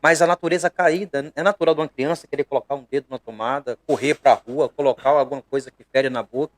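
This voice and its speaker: This podcast features a middle-aged man from Bahia speaking with a Brazilian accent, a pastor preaching in a conversational style. Medium-pitched and steady on a dry recording, he comes across as earnest and emphatic, frequently hesitating with pauses.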